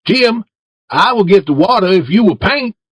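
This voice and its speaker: A man's voice: sits high, lively intonation, normal speed, slightly rough, dry recording, clean studio sound, voice pushed up. A man voicing Tom, a sly coaxing boy.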